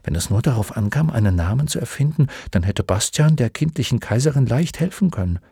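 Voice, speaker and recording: A man reading an audiobook aloud in calm, measured storytelling narration into a close studio mic. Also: mid-range voice, gravelly, breathy edge, dry recording.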